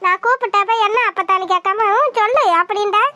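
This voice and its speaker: A woman voices a bold, lively young village girl for a cartoon, speaking up plainly and without fear. Her voice sits very high. The sound is dry and close. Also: fast, no room sound. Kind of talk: cartoon voice acting.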